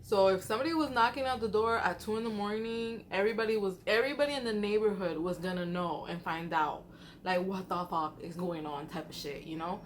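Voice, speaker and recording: A woman's voice: medium pitch, a little fast. Woman telling spooky stories over background noise. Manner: chatty, slangy, acts out quoted dialogue. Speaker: storyteller. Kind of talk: casual spooky storytelling.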